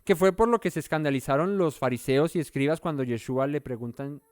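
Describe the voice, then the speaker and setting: A man's voice: on the high side, brisk, no echo, clean studio sound. A man leading an interactive Bible study, talking in a conversational way and often asking the listeners questions. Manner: conversational, thinks aloud.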